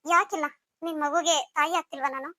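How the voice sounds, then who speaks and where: A woman's voice: high-pitched, fairly even intonation, a little fast, sharp tone, dry recording. A woman voicing a taunting scheming rival. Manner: mocking, teasing delivery. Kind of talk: melodramatic audio story acting.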